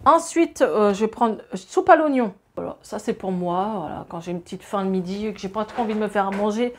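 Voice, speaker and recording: A woman in her thirties from France, chatting casually to camera about her groceries, lively with many fillers and asides to viewers. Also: mid-range voice, brisk. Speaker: grocery haul vlogger and mother.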